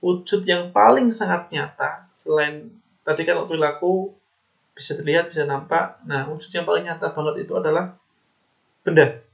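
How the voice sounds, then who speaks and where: Guy lecturing casually with lots of ums and restarts, raspy fry, dull recording. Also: on the high side, moderate pace. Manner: hesitant, many fillers and restarts.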